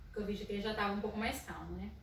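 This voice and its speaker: A Brazilian woman, a psychologist, talking casually about school inclusion in her naturally loud voice. She tells stories and keeps tagging her sentences with "né?". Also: mid-range voice, steady tone, racing, slight background noise. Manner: storytelling with frequent "né?" tags and soft laughs. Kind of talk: casual educational talk. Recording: echoey room, mic at a distance.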